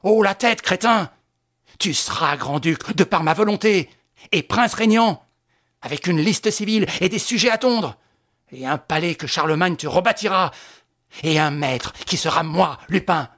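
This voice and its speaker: A gentleman thief in a fury, as a male audiobook reader puts him on, all scorn and shouting. His voice is husky and sits a little high. He jeers, rants and laughs at the fool he made. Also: takes it slowly, pauses often. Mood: raging. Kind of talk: audiobook character voice.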